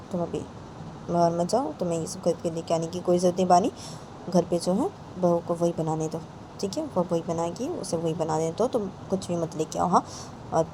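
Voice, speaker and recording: A woman's voice: lowish voice, noisy background, lightly acted. A woman voicing a stern but caring middle-aged aunt who firmly tells her niece not to go out. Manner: admonishing, firm.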